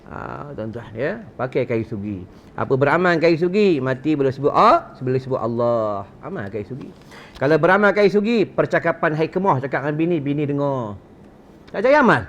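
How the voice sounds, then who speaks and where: A man's voice: on the high side, very animated, normal speed. A man with a Malaysian Malay accent giving a religious lecture at a mosque gathering, rhetorical and joking, quizzing his listeners. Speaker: religious teacher. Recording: dull lo-fi recording.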